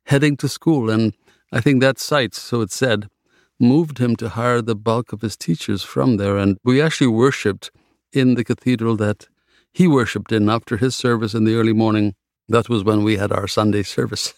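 A man raised in Ethiopia, a physician and novelist, answering interview questions in a measured, reflective way. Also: lowish voice, no echo, clean studio sound.

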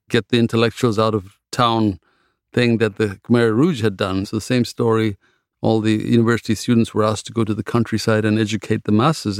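Guy from ethiopia, lowish voice, thoughtful storytelling, dry close sound. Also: dry recording. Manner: measured, reflective storytelling. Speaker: physician and novelist, guest. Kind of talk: interview answers.

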